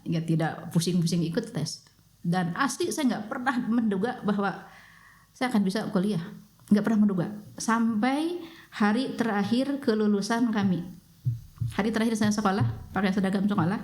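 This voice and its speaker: A woman's voice: mid-range voice, a little mellow. Reflective Sundanese woman telling her story. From West Java. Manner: reflective, with frequent pauses and fillers. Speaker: guest. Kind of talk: personal storytelling in a podcast.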